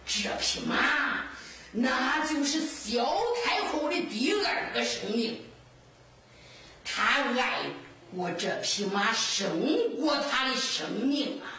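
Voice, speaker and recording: A boastful, tipsy imperial horse keeper, voiced by a woman in Henan folk storytelling, his lines half-sung and drawn out with a Henan accent. The voice sits high and swings widely in pitch. It comes from far off in a very echoey, noisy live recording. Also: lively intonation, slow pace, sharp tone, full character voice.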